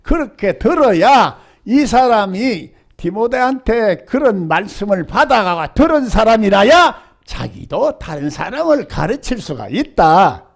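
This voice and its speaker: A man's voice: high voice, big pitch swings, unhurried, creaky, hardly any pauses. An older male pastor with a Gyeongsang Korean accent, preaching a sermon and often asking the congregation rhetorical questions.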